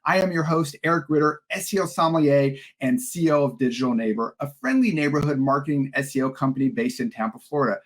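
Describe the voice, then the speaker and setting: A man's voice: on the high side, fast, few pauses. Upbeat male podcast host. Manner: upbeat, friendly host patter. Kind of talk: scripted podcast intro and interviewing.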